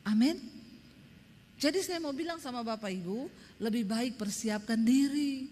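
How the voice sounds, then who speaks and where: A woman's voice: fairly high pitch, unhurried, slight background noise. Emphatic woman preaching in a hall. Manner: emphatic, lively storytelling with acted quotes. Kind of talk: sermon. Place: church hall. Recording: long reverb of a church hall.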